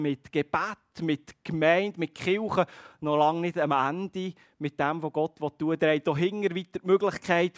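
A man's voice: high-pitched, no echo. Man, preacher, sermon, earnest, direct address, dry sound. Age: adult with a child. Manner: earnest, addresses the congregation directly, slows down on key phrases.

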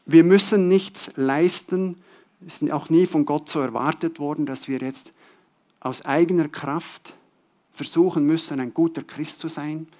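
A man preaching a sermon to a congregation, repeating key words and swinging between loud, stressed phrases and soft drops. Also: on the high side, fairly even intonation, a little slow.

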